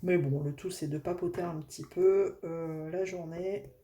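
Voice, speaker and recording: A woman's voice: lowish voice, fairly even intonation, unhurried, warm tone. A woman with a Northern French accent chatting casually at home while doing a craft project, with many fillers and restarts. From northern France. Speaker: craft vlogger.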